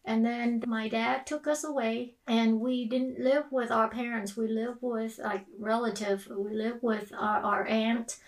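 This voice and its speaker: A middle-aged woman from Vietnam, a guest on a family podcast, recalling her childhood in a halting way with fillers and restarts. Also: a little high, flat delivery, far from the mic, low-quality recording. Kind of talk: casual family interview.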